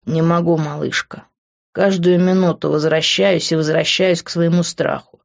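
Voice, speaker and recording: Female reader playing a brooding young man, low and moody, tender but volatile, audiobook dialogue, muffled lo-fi sound. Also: fairly even intonation, normal speed, gravelly.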